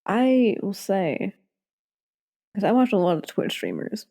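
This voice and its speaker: A woman's voice: mid-range voice, very animated, measured pace, vocal fry, warm tone. A woman hosting a podcast in a casual chat, laid-back and giggly. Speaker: podcast host.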